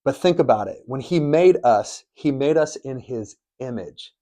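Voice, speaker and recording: A man's voice: medium pitch, animated, normal speed, mellow. A middle-aged man co-hosting a faith podcast, telling stories in an earnest, preachy way. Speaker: podcast co-host. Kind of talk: faith-based podcast chat. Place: studio in Arizona.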